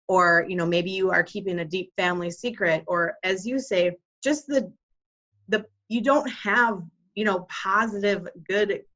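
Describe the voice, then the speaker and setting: A woman who hosts a wellness podcast and practices Reiki explains energy healing in an earnest, conversational manner. Her voice is mid-range and fairly bright, and the recording sounds dull and lo-fi.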